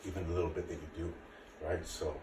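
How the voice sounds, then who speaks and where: This instructor of martial arts and fitness, in his late thirties, talks fast in a low, level voice while casually walking the camera through exercises. The sound is roomy and distant, with faint background noise.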